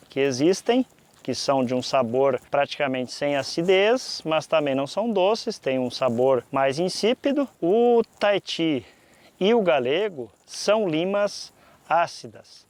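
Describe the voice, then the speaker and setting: Southern brazilian guy, voice a bit on the high side, explaining stuff to viewers, teachy and deliberate w pauses. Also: expressive, no echo. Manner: didactic, deliberate, often pausing mid-sentence. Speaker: presenter of a fruit-growing lesson.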